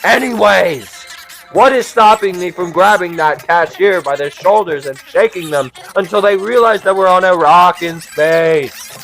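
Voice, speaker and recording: The audio is poor, and soft music plays in the background as a young man with a high-pitched, slightly bright voice speaks at a measured pace. He delivers a scripted absurdist comic monologue as a mock stand-up host would, with theatrical, exasperated sarcasm, free swearing and rhetorical questions.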